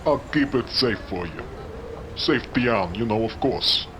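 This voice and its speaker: A male actor as a slangy mob doorman in a noir audio drama, mid-pitched and chummy. He rambles like a friendly, none-too-bright wise guy, with faint noise behind him. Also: lively intonation, normal speed, natural voice. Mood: chatty. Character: chummy, chatty male street-tough doorman, dim but friendly.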